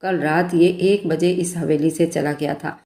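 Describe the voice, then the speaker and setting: A furious young woman in an audio story, voiced by a female narrator, accusing someone sharply. Her voice is low and mellow, and the recording has a roomy echo. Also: steady tone, measured pace. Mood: angry.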